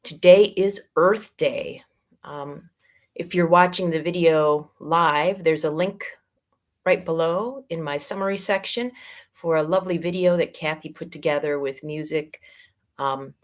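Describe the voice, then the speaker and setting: A middle-aged woman with a Midwestern American accent, giving a spiritual teaching talk as a yoga teacher in a gentle, unhurried way that draws out key words. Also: low-pitched.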